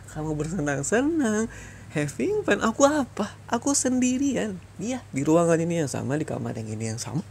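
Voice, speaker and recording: A man doing a bitter, husky breakup boyfriend. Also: sits high, exaggerated voice. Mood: resentful. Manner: heated, reproachful, repetitive scolding. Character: bitter young boyfriend breaking up with toxic girlfriend. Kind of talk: ASMR boyfriend role-play.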